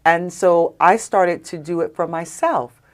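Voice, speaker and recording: A woman, a guest on a podcast, telling personal stories in an animated, emphatic, conversational way. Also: on the low side, unhurried. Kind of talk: conversational storytelling.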